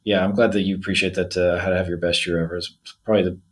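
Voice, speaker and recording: A man hosting a podcast, chatting in a relaxed way and telling stories with quotes. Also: sits low, racing, breathy edge. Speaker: podcast host. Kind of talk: casual interview chat.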